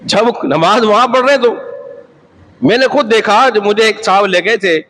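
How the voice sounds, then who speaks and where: A man with a notably high-pitched voice preaches a religious sermon. He speaks emphatically, repeating key points and putting rhetorical questions to his listeners. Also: unhurried, sharp tone, low-quality recording. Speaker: Islamic preacher. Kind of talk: sermon lecture.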